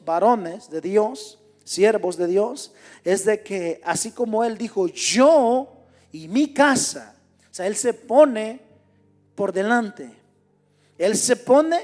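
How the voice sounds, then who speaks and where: High-voiced preacher swinging loud and soft. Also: male voice. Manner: rhetorical questions, swings between loud emphasis and soft low asides. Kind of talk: sermon. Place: church.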